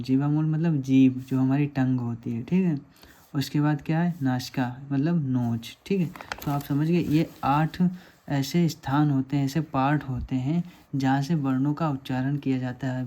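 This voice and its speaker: A man's voice: mid-range voice, warm tone. Patient man teaching over diagrams. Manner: patient, repeats questions and answers them himself. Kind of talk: explaining a lesson over diagrams.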